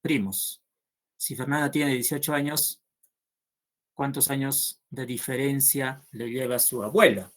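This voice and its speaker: A man with a mid-range voice and steady tone teaches a math class, talking through problems aloud. He goes slowly and patiently, checking in with students as he works and confirming they follow with "¿no?".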